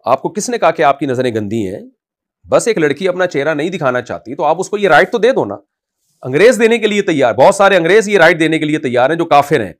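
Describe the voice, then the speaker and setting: A man, an Islamic scholar, answering a question in an impassioned advice talk, emphatic and scolding at times. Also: big pitch swings. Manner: emphatic, rises loud to scold, then drops low and quiet.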